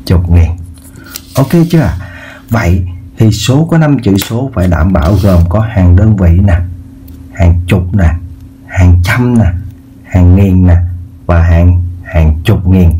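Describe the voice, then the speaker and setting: Slow, low-voiced male math tutor. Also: dark tone. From southern Vietnam. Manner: repeats words, checks in with viewers. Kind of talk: casual math lesson. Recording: faint background noise.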